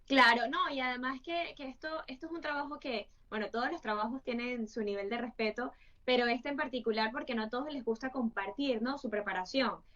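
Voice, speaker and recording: High-voiced woman host, distant lo-fi. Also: a little fast, few pauses, a bit bright. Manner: reflective, frequent tag questions. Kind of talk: interview conversation. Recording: distant, dull lo-fi sound.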